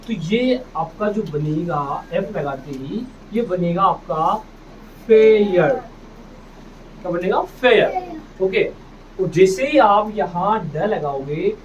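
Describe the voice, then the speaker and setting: A man teaching English phonics to a classroom, drilling each word by repeating it and asking the students back, and calling them "beta". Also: high-pitched. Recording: distant, dull, noisy classroom recording.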